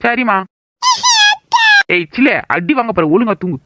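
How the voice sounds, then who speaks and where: A woman's voice: mid-range voice, moderate pace, highs cut off, very noisy, natural voice. A woman voicing a tired, chatty young mother in a cartoon. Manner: chatty, gossiping. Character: tired young mother rocking a crying baby. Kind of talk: cartoon voice acting.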